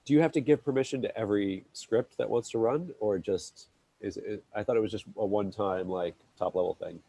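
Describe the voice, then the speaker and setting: On an online open-project meeting call, a maintainer with a lowish, dark, breathy voice with vocal fry talks fairly quickly through a technical problem, hesitant and wry with many restarts. The casual audio has no echo.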